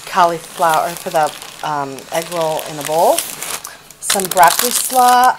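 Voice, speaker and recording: A woman's voice: fairly low pitch, noisy background. A middle-aged woman chatting casually through a grocery haul in her home kitchen, listing items with fillers as she goes, filmed on a handheld phone. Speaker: vlogger. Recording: plastic bags crinkling in the background.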